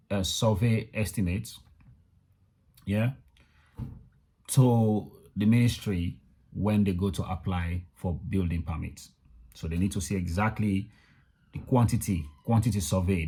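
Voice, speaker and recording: A low-voiced man talks to viewers as a channel host. His voice is rough and husky. He delivers his update casually, stressing points by repeating words. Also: warm tone. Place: indoors in a room in London.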